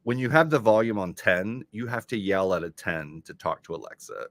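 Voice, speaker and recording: A man's voice: on the low side, animated, moderate pace, a bit bright, no echo. A man hosting a casual live stream, reading crossword clues aloud and chatting about them as he goes.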